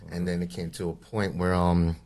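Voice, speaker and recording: Man, 40s, from Ecuador, very deep voice, casual guest interview, halting restarts. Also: little pitch movement, a little mellow. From Ecuador, raised in Queens, New York. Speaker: guest, airbrush and tattoo artist.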